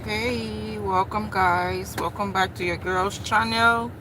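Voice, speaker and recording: A woman's voice: medium pitch, fairly even intonation, slow pace. A woman from Liberia chatting casually with livestream viewers while driving, greeting them by name. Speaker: vlogger, nurse driving to work. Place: inside her car on the road. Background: road and car noise.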